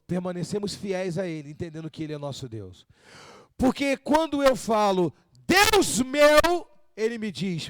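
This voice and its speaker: High-voiced preacher, dry sound. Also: male voice, no room sound. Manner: animated, quizzes the congregation with rhetorical questions; acts out quoted speakers and prayers. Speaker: apostle preaching to a congregation. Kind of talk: sermon.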